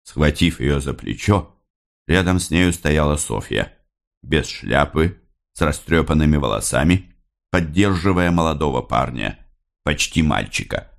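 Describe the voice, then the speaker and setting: A man narrating an audiobook with measured, dramatic storytelling. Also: rumbling low, expressive, gravelly.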